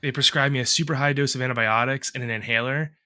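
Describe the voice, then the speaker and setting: A man co-hosting a casual podcast, rambling and swearing through animated rants, still a bit congested from a cough. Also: mid-range voice, fast talker, smooth. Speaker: podcast co-host.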